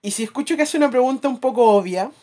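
A man with a Chilean accent chatting casually as a podcast co-host, acting out his anecdotes with lively asides. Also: extremely high pitch, fast. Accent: Chilean Spanish. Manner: animated storyteller, acts out anecdotes, laughs at his own jokes. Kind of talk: casual chat.

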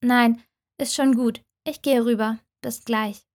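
A woman's voice: a little high, fairly even intonation, slow pace. A woman reading as a brooding young man. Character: young man, first-person student narrator, brooding. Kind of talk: audiobook reading.

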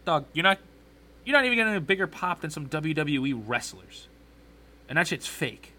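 Bright-voiced man ranting about sports. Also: a little high, very animated, normal speed. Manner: opinionated, rambling, conversational. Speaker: podcast host. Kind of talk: casual sports talk commentary.

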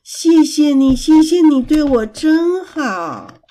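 A woman voicing an eager young male crow in a children's story, exclaiming excitedly. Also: sits high, slow, voice pushed up, heavily acted. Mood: touched.

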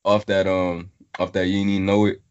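A man's voice: deep voice, little pitch movement, fairly quick, smooth, lo-fi sound. A man bantering casually about music with friends, slangy and profane.

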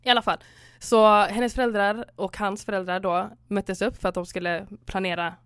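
A woman's voice: medium pitch, little pitch movement, clear, resonant tone, dry recording. A woman chatting casually, retelling a story and acting out both sides, mixing English phrases into her tinged talk. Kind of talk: casual chat.

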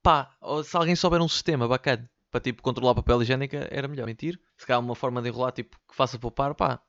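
This solo podcast host, speaking European Portuguese with Lisbon slang, records from his bedroom on a studio mic he sometimes drifts off-axis from. His medium-pitched, fairly bright voice comes fast as he rambles, jokes and swears. The recording is dry and lo-fi.

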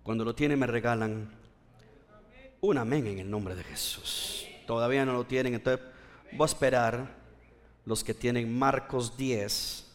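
A man's voice: medium pitch, a little slow, long reverb tail. A male pastor preaching a fervent sermon, repeating phrases and urging the congregation to respond. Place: church.

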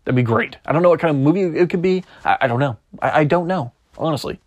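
A man's voice: fairly high pitch, quick pace, dry recording. A young man hosting a solo sports podcast, rambling and correcting himself as he reads news and riffs. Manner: rambling, self-correcting, chatty. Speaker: podcast host.

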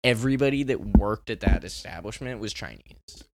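A man co-hosting a comedy podcast, talking in rambling, excitable banter and leaning on filler words. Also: lowish voice, a little fast, creaky. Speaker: podcast co-host.

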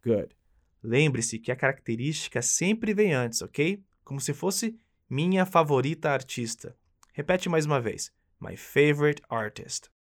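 A man's voice: on the high side, animated, unhurried. A man with a Brazilian accent, leading an upbeat English lesson and coaching the listener through repeated phrases. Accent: Brazilian Portuguese. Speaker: English teacher. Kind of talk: friendly language lesson.

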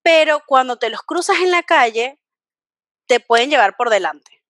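A Venezuelan woman with a high voice hosts a relaxed podcast conversation. She tells stories with lively energy and breaks into laughter often, all recorded close and dry. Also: moderate pace, no echo. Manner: animated storyteller, laughs often. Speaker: podcast host. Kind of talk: casual podcast chat.

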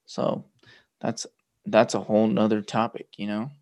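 A man's voice: on the low side, level tone, unhurried, darkish tone. A man hosting a casual podcast conversation, talking emphatically and swearing freely.

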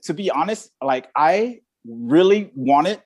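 Recounting his life in an interview, a former college baseball player from Samoa speaks in a slightly high, slightly mellow voice that is animated yet slow. The young man hesitates throughout, repeating words and leaning on fillers and restarts.

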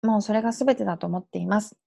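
A woman's voice: medium pitch, fast talker, vocal fry, mellow. A Japanese woman in her thirties hosting a solo podcast as an English coach, explaining in a chatty way and dropping in little affirming asides. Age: 30s. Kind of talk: casual solo podcast advice.

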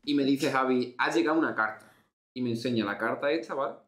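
A man's voice: mid-range voice, fast, reverberant. A man from Spain co-hosting a casual talk show, telling a story and reading out a letter. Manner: steady storyteller, leads the segment. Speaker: podcast co-host.

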